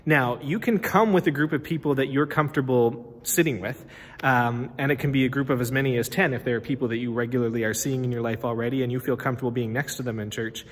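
A man's voice: medium pitch, fairly even intonation, quick pace. Pastor guy in his 30s rambling friendly on a phone at arm's length, medium voice, echoey empty church. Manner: friendly, chatty, frequent fillers and restarts. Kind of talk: casual walkthrough video. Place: inside an empty church building. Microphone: phone held at arm's length. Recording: reverberant hall with faint ambience.

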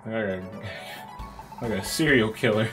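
A man's voice: fairly low pitch, unhurried. A young man playing through a video game, reading the dialogue aloud and joking crudely between lines. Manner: casual, crude, joking, puts on voices for characters. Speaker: let's play gamer. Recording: game music playing behind.

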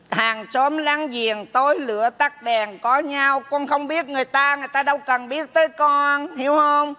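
A man voicing a scolding middle-aged mother in a stage comedy sketch, nagging her son slowly. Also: very high-pitched, sharp tone, full character voice. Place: theater stage.

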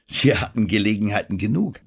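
A man's voice: lowish voice, lively intonation, a little fast, creaky, slightly rough, pitched above the performer's own voice, exaggerated voice. A man voicing a cheerful, playful young woman in an audiobook. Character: cheerful young actress on a ship.

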